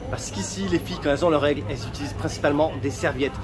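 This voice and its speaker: A man's voice: on the high side, very fast, music in the background. A man giving casual travel advice in a vlog, chatty and direct with joking asides, recorded outdoors in a town. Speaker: travel vlogger.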